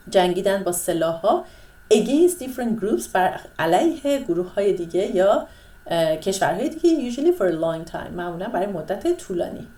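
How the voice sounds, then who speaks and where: A woman teaching English vocabulary in Persian, explaining step by step and reading English phrases out slowly. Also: mid-range voice, mellow, roomy sound, far from the mic.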